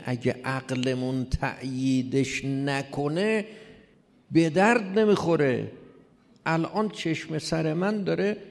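Man, religious lecture, rhetorical and mocking, rough gravelly tone, long reverb. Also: a little high. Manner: rhetorical, mocking, lively storytelling. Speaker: religious speaker.

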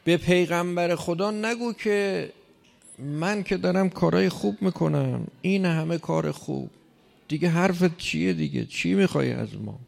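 A man's voice: high voice, vocal fry. A man preaching a sermon in an emphatic way, pushing hard on key lines. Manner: emphatic, rising to loud stresses. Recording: long hall reverb.

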